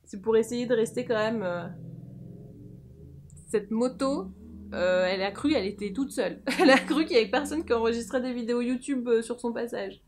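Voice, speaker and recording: A fairly high-voiced woman talks through her make-up routine. She is chatty and playful, full of little fillers and asides. Recorded close to a camera mic. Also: a little fast, a little mellow, slight background noise. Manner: chatty, jokey, lots of fillers and laughs. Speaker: beauty vlogger. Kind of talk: casual make-up tutorial chat.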